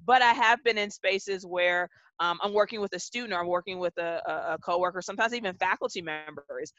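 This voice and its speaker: Woman with a bright, dull-toned podcast voice. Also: lowish voice, no room sound. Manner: measured, reflective, often slows to stress points. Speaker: podcast guest, educator. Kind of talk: conversational interview storytelling. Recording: dull, dry lo-fi podcast audio.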